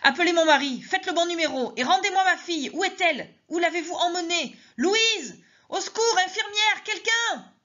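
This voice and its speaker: A woman's voice: a little fast, highs cut off. A woman reading her story aloud, voicing a terrified young mother who screams and pleads that she is not mad. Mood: frantic screaming. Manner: screaming and pleading, high and shrill. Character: terrified young mother, frantic, accused of madness.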